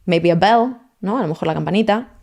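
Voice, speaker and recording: A woman, a language teacher explaining her methods in an interview, lively and mixing in English words. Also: on the low side, a little fast, creaky. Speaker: language teacher, guest expert.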